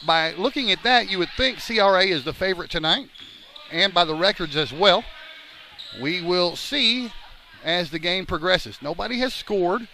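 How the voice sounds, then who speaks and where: A man calling a basketball game live from courtside, a little out of breath. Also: high voice. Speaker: play-by-play sports commentator. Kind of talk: live basketball radio-style commentary. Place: courtside in a school gym during a game. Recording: clear gym noise, bouncing ball behind. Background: basketball bouncing and game noise.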